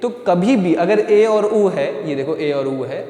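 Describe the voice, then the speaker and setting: A man teaching a German class for beginners, asking his students questions and explaining each step slowly. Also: high voice, lively intonation, warm tone. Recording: echoey room, long reverb.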